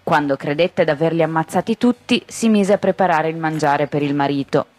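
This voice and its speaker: A woman reading a folk fairy tale aloud, lively and expressive, voicing the characters. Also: deep voice, normal speed. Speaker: storyteller.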